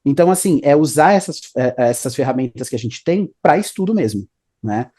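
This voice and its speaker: A man's voice: medium pitch, expressive, a little fast, dark tone. A man, an English teacher explaining study tips in a casual interview, often adding "né?" and "tá?". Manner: explanatory, repeats 'né?' and 'tá?'.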